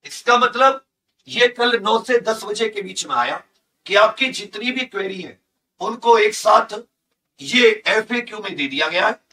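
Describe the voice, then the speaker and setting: A male online coaching teacher delivers a lesson explaining job vacancy notices, emphatically repeating the key figures and points for his students. His voice sits high, bright and forceful, recorded on a distant mic in an indoor studio with a large digital board.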